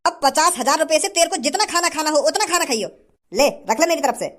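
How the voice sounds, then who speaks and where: A man's voice: very high-pitched, lively intonation, fast talker. An actor playing a rich, generous young man who lectures a stingy shopkeeper in a comedy sketch. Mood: lecturing. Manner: forceful, lecturing.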